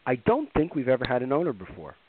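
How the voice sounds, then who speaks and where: A man's voice: mid-range voice, wildly swooping pitch, quick pace, slightly rough, dry recording. Nasal-sounding male podcast host. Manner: rambling, conversational, many fillers. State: head cold. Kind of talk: casual podcast chat. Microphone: remote call. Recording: tinny phone-line sound, dry.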